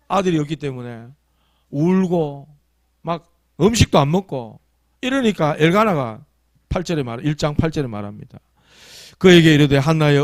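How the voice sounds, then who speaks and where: A man's voice: high-pitched, no echo. A man preaching a Sunday sermon as pastor, telling stories in a colloquial, emphatic way. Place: church.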